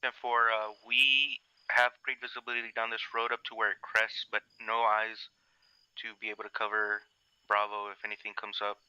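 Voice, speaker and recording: A man's voice: on the low side, level tone, moderate pace, pushed and bright, clear, resonant tone, no room sound. A man talking as a team leader over crackly military radio, in terse procedural phrases with some hesitation. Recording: muffled band-limited radio voice channel.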